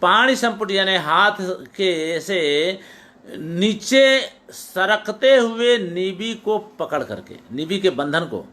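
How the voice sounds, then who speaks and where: A middle-aged man lectures on classical poetics in a voice pitched a little high for a man. He quotes a line, then unpacks it piece by piece, stumbling and restarting words as he goes. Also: very animated, takes it slowly, pushed and bright. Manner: explanatory, repeats and restarts words, quotes verses then glosses them. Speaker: teacher.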